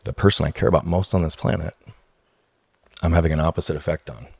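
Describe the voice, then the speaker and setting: A man's voice: very deep voice, fairly even intonation, fast, vocal fry, darkish tone, husky, dry recording, studio quality. A man speaking as a guest on an interview podcast, telling his story emphatically and often checking in with "right?". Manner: emphatic, tags points with "right?".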